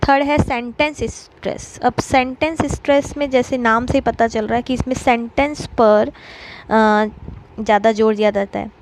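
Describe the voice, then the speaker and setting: A woman with a somewhat high voice teaches an exam-prep lesson. She explains patiently, step by step, pausing often on fillers. A faint hiss of noise sits under the recording. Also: poor audio. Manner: explanatory, many filler pauses.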